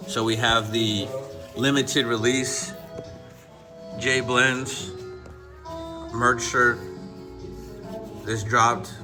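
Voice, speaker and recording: A man's voice: mid-range voice, level tone, drawn-out words, pauses often, music in the background. A man hosting a vlog from his barbershop, joking and laughing with coworkers in casual banter.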